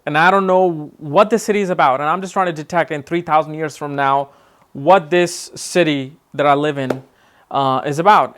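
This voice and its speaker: A man's voice: a little high, a bit bright. A man talking casually to his viewers in a rambling, tipsy way, saying he is losing his voice. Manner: rambling, says he is a bit drunk. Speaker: astrology vlogger. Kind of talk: casual talk to camera.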